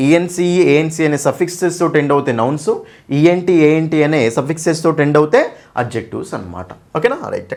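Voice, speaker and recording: A man teaching an English grammar class for exam preparation, asking questions and answering them himself. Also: fairly high pitch. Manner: asks questions and answers them himself, frequent "okay?" and "right?"; addresses students fondly as "nanna". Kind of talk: exam-prep grammar lesson.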